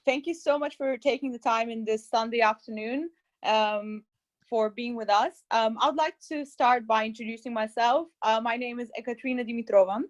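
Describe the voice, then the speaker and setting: A woman from Bulgaria opening an online webinar as its co-founder and host, speaking in a measured way with frequent pauses and ums over a video call. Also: on the high side, fairly even intonation.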